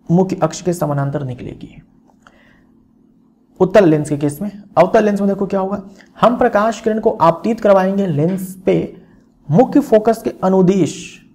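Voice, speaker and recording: A man teaching a physics lesson in a somewhat high yet dark, mellow voice with a gravelly edge. He explains step by step, repeating key phrases and checking that his students follow.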